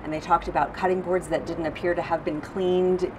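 A woman's voice: on the low side, flat delivery, a little fast, background noise. A middle-aged woman reporter interviewing a restaurant manager indoors, asking pointed, pressing questions. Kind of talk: on-location interview.

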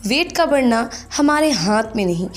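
A woman narrator reading the lines of a strict female coach in a sharp, scolding way. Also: a little high, expressive, normal speed, natural voice.

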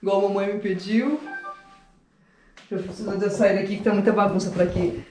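A woman's voice: mid-range voice, fairly even intonation, a little fast, a little mellow. A woman talking casually to her viewers in a vlog, chatty and giggly as she shows off the result. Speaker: vlogger. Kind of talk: casual vlog talk to camera. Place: barbershop, then home. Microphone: phone camera held by others. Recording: echoey room, faint background noise.

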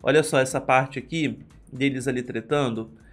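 A man's voice: mid-range voice, steady tone. A man with a Brazilian Portuguese accent commenting live on a reality show, gossipy and exasperated, recapping the cast's arguments and reading chat messages. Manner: gossipy, exasperated, quotes the cast in quick recaps. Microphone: headphones and desk mic.

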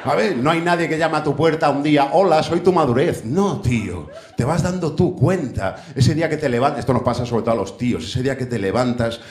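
A man's voice: medium pitch, brisk, few pauses. A man in his thirties with a Spain Spanish accent doing a stand-up comedy monologue on a theater stage, brash and profane, chatting with the crowd. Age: 30s. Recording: echoey theater with faint audience.

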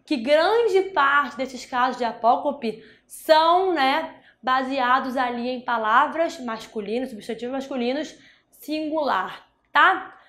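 A woman's voice: high voice, takes it slowly, fairly bright tone. A woman from Brazil teaching a Spanish grammar lesson for exam prep, explaining step by step and checking in with frequent "né?" and "tá?". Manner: explanatory, with frequent "né?" and "tá?" tag questions. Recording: roomy echo.

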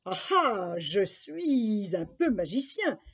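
A woman voicing a strange, sly old man who calls himself a magician, in a coaxing, drawn-out voice. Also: medium pitch, big pitch swings, husky, heavily acted. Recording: dull lo-fi recording.

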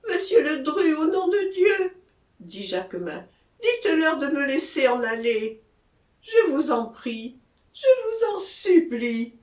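Woman playing a terrified pleading murderer, frantic, lively high voice, echoey room. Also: slow pace, recorded from a distance, exaggerated voice. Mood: begging. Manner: frantic, pleading, rising to cries. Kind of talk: audiobook character reading.

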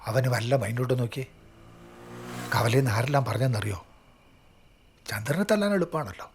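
A man's voice: mid-range voice, expressive, creaky, slight background noise. A stern, scolding father. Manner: scolding, rapid. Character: stern father scolding his grown son. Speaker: film actor.

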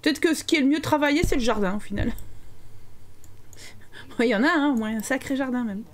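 A woman's voice: sits high, lively intonation, brisk. A young French woman commenting live on her game, chatting and joking with her viewers. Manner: chatty, joking, reads chat aloud. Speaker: streamer.

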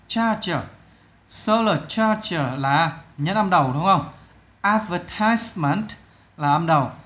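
A male teacher with a Vietnamese accent, walking through an English exam in a casual, chatty way, often stretching words slowly to show their stress. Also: on the high side, a bit bright. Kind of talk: casual exam walkthrough lesson.

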